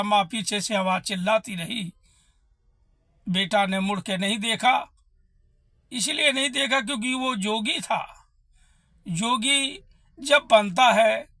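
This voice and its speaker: A man's voice: high-pitched, fairly bright tone, dry recording. A man telling a devotional story, emotive and addressing listeners as brothers.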